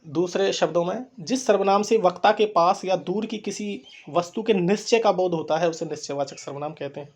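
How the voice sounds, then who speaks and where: A man's voice: high-pitched, fairly quick. A man teaching a grammar lesson, explaining patiently and repeating each point in simpler words.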